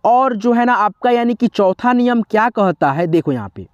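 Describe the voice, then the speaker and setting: A woman teaching a lesson, spelling words out slowly letter by letter and quizzing the listener. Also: a little high, lively intonation, darkish tone, no echo, lo-fi sound. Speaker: English teacher. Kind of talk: classroom-style spelling lesson.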